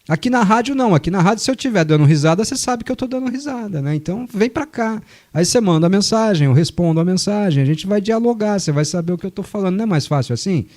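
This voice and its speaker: A man's voice: high voice, lively intonation, fast, darkish tone. A man hosting a radio sports show, chatting casually, joking and reading listener messages. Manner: chatty, joking, long explanations. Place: radio studio.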